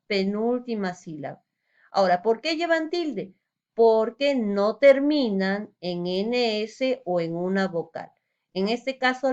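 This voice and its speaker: A woman's voice: on the high side, a little mellow, highs cut off. Patient woman teaching a spelling lesson. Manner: patient, explains step by step with rhetorical questions.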